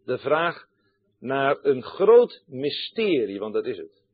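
Husky male preacher on a tinny line. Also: medium pitch, sing-song, takes it slowly. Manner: emphatic, repeats key phrases, addresses listeners directly. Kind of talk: sermon.

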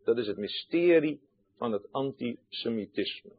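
A man's voice: medium pitch, lively intonation, measured pace, husky. A male preacher giving a sermon, emphatic, repeating key phrases and addressing his listeners directly, heard over a tinny, phone-like line.

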